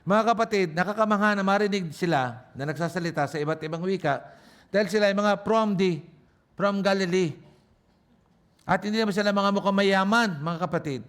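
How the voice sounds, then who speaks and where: A male guest pastor from Nueva Ecija, speaking with his home province's accent. He preaches a sermon at a church service, moving between loud emphatic passages and quiet joking asides. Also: high voice, fairly quick, smooth. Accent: Nueva Ecija Filipino. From Philippines, Nueva Ecija.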